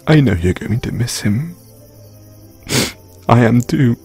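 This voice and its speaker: Soft and tender, this husky, mid-range male voice plays a gentle boyfriend comforting a grieving partner in an intimate roleplay, keeping his words hushed and soothing.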